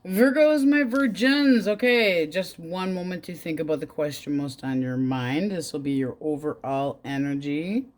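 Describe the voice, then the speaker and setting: A woman's voice: normal speed, hardly any pauses, dark tone. Blunt, chatty woman reading tarot. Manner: chatty, blunt and swearing, with sudden pitch jumps. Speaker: tarot reader.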